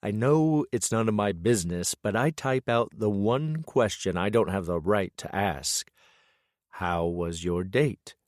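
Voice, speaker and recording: Male audiobook narrator, low voice, close dry studio sound, steady first-person storytelling. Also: measured pace, few pauses, no room sound.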